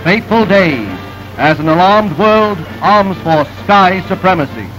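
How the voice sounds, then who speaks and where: A man narrating an old newsreel in a brisk, emphatic announcer delivery. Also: high-pitched, expressive, highs cut off, over loud music.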